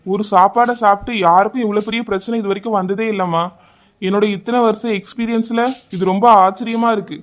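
A man's voice: high-pitched, fairly even intonation, quick pace, lightly acted. A man voicing a stern village doctor in a cartoon comedy, grave and lecturing.

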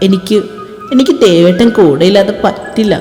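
A clingy, tearful pregnant young wife in a storybook reading, as a male narrator puts her on, soft and pleading with a raised voice. It sounds like a room with a long, ringing echo, and faint music plays underneath. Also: high voice, lively intonation, a little fast.

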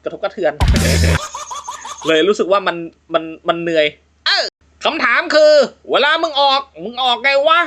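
A man's voice: high voice, big pitch swings, a little fast, music in the background. A man hosting a comedy channel, reacting to funny clips in crude, joking banter and laughing often. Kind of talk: casual comedic commentary.

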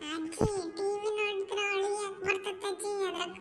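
ತುಂಟ ಪುಟ್ಟ ಮೊಮ್ಮಗು, ಮಹಿಳೆಯ ಅಭಿನಯ, ತುಂಬ ಎತ್ತರದ ಕೀಚು ಧ್ವನಿ, ದಬಾಯಿಸುವ ಮಾತು. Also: female voice, extremely high pitch, steady tone, fairly quick, a bit bright, a little hiss or hum. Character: cheeky young grandchild who teases grandma.

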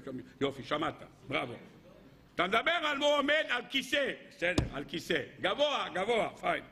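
A middle-aged man, a rabbi giving a lively Torah lesson who questions his listeners and swings between loud exclaiming and low asides. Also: slight background noise.

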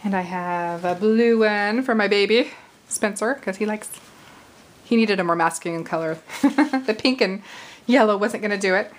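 A woman in her thirties hosting a casual crafting tutorial, chatty and a little hoarse, with apologetic asides while she works at arm's length from the camera. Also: mid-range voice, moderate pace, low-quality recording. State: slightly hoarse, losing her voice. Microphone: camera at arm's length over the craft table.

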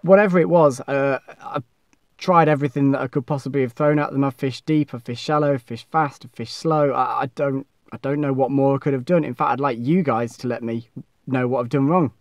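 A man's voice: mid-range voice, brisk, no echo. A young man vlogging outdoors beside a lake, talking frankly and self-critically with frequent restarts. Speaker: fishing vlogger. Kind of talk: casual outdoor vlog talk.

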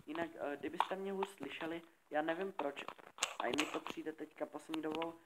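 A young man talking quietly and rambling with lots of fillers as he comments on his own gameplay. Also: on the high side. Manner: soft-spoken, rambling with many fillers. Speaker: gaming YouTuber. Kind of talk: casual Let's Play commentary. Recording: loud background noise.

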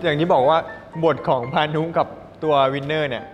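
A man's voice: a little high, fairly even intonation, normal speed, muffled recording. A man who is an actor, chatting playfully in an interview and laughing often. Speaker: actor guest. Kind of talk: casual interview chat. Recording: reverberant studio with background music.

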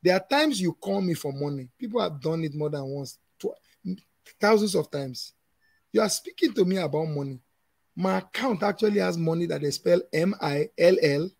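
A man's voice: fairly high pitch, animated, moderate pace, creaky, a little mellow, dry recording. A man in his thirties with a Nigerian English accent, answering questions as a conference speaker in an emphatic, preachy way, often laughing.

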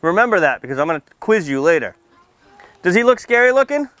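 This firefighter's voice sits high and swings widely in pitch as he talks quickly, with a slightly bright, dry sound. Speaking to kids outdoors beneath a tent canopy beside a building, he gives a simple safety talk full of questions. He teases them playfully and checks in often using "okay" and "right."

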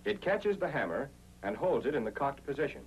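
Briskly and in a sing-song way, a medium-pitched American man explains a military training film's content one step at a time. It's 1940s in style, carried on a noisy soundtrack that hums.

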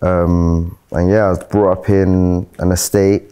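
A man in his thirties with a South London accent talks in a relaxed podcast chat. His voice sits fairly low, and he tells his story in an easy, joking way, full of slang. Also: measured pace, clear, resonant tone. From South London, England. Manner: laid-back, jokey storytelling with slang. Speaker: fitness coach and brand co-founder. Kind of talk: casual podcast interview. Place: bright studio lounge set.

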